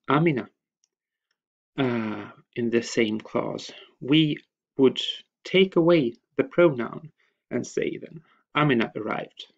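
A man giving a recorded slide lecture, explaining step by step with hesitant pauses and frequent filler sounds. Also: mid-range voice, vocal fry. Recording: dull lo-fi voice recording.

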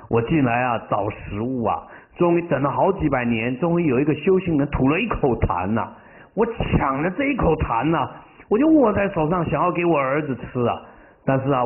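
A starving mother ghost pleading and wailing for help , put on by a man preaching. Her voice rises and falls widely with long drawn-out cries. The sound is thin and phone-like. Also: mid-range voice, lightly acted.

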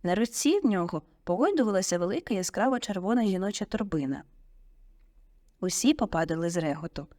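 A woman narrating an audiobook in a vivid, expressive storytelling manner on a close studio mic. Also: medium pitch, fairly quick, dry recording.

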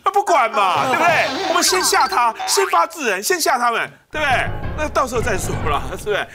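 An actor playing a blustering, self-important middle-aged politician in a comedy sketch, with a Taiwanese Mandarin accent, bombastic and forever asking "right?". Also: male voice, very high voice, sing-song. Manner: bombastic, keeps asking "right?", drawn-out exclamations. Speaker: satirical politician character. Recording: loud music underneath.

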